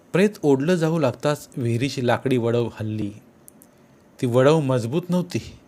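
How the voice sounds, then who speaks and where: A man's voice: medium pitch, warm tone. Earnest man reading a story aloud. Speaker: audiobook narrator. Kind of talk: storytelling narration of a novel.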